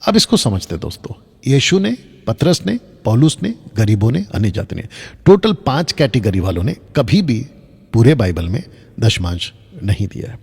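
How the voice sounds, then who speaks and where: A man's voice: medium pitch, big pitch swings, normal speed, gravelly, a little mellow, husky, in a large hall. A man teaching Bible lessons over slides, emphatic, repeating his points and asking rhetorical questions. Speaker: Bible teacher on a video channel.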